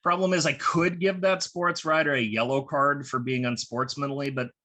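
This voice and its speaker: An American man doing self-deprecating stand-up comedy over a video call, halting with fillers and restarts. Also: mid-range voice, steady tone, bright, forceful tone. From United States. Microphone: video call from home.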